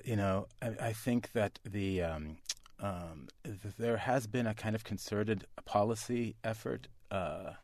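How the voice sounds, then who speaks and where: A man's voice: deep voice, no room sound, studio quality. A man from Canada, a guest author on a radio interview, speaking thoughtfully with frequent restarts and fillers. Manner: thoughtful, halting with many restarts.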